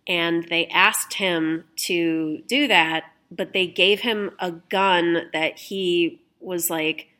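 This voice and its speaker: A woman hosting a casual film podcast, relaxed and sharing researched facts with some casual swearing. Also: on the low side, slow. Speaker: podcast host.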